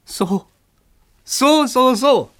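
A man's voice: lowish voice, expressive, moderate pace, pushed and bright. A man voicing a furious old landlord who screeches and splutters with outrage in a radio story reading.

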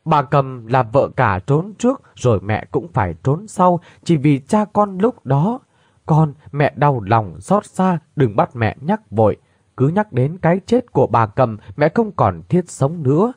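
A man's voice: mid-range voice, big pitch swings, measured pace, a little mellow, no room sound. A man voicing a grieving middle-aged mother who tells her story through sobs in a read-aloud tale. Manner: sobbing, trembling lament.

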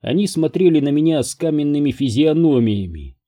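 Male audiobook narrator, mellow and husky, steady wry delivery. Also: fairly high pitch, a little fast. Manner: steady, wry first-person storytelling. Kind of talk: scripted narration.

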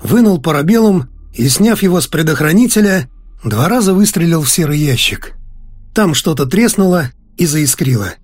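Guy reading a novel aloud, husky, pitch all over the place, bit of music behind. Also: moderate pace. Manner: expressive, ironic storytelling. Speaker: audiobook narrator. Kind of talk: scripted narration of a novel.

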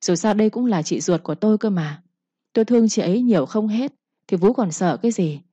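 A woman's voice: mid-range voice, animated, brisk, mellow, breathy edge, dry recording, dull audio. A woman voicing a scheming younger second wife who speaks with a falsely sweet, coaxing tone, in a storybook reading.

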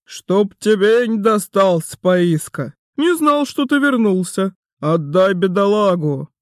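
A man voicing a burly bass-voiced man who bellows rough threats from below, in an audiobook. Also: sing-song, takes it slowly, no room sound, clean studio sound, full character voice. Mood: gruff shouting. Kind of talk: audiobook character voice.

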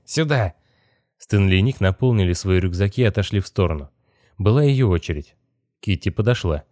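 Reading an audiobook script, a man keeps an even, measured narrating delivery in a fairly low register. It's a close, dry recording without any room sound.

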